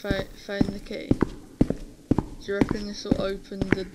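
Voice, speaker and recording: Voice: medium pitch, monotone, normal speed. A scared horror game streamer giving casual gameplay commentary, muttering uneasily to themselves. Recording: loud buzzing and clicking game noise.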